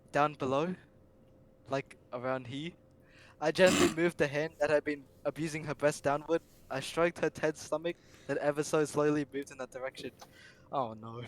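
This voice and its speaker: A man's voice: fairly high pitch, moderate pace. Young man reading aloud, stumbling. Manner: stumbling over words, breaking into laughter. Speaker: narrator. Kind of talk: amateur comedic reading aloud.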